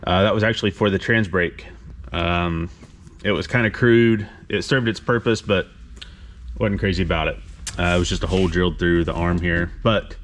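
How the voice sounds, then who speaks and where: A deep-voiced man with a fairly bright tone hosts a casual shop update as a car builder. He shows off truck parts in vlog style inside an indoor vehicle workshop garage.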